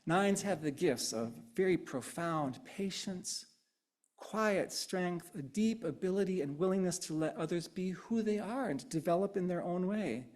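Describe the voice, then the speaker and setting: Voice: mid-range voice, darkish tone. Conversational speaker leading an interactive sermon. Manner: conversational, often adding "right?"; repeats and riffs on audience answers. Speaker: speaker at a congregation service. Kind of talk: interactive sermon with congregation answers.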